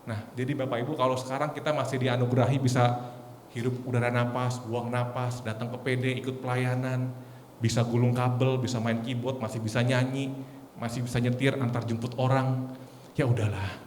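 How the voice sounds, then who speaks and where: Casual preacher guy in his 30s, chatty storytelling, mid-pitch voice, big echoey hall. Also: little pitch movement, a little fast, darkish tone. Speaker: lay preacher. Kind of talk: sermon at a prayer meeting. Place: large echoey church hall. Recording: echoey hall, faint noise.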